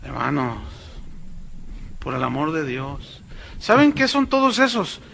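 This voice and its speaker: A man's voice: on the high side, sing-song, takes it slowly, vocal fry, a bit bright, a little hiss or hum. Emphatic man preaching a sermon. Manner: emphatic, conversational, keeps addressing listeners as brothers. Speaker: pastor.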